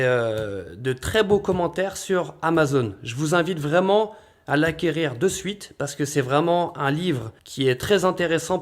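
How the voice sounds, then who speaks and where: A man presenting a children's book in a casual walkthrough, chatty, sounding out letter names and often asking "d'accord?". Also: on the high side. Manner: chatty, repeats "d'accord" and "vraiment". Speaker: bookshop presenter.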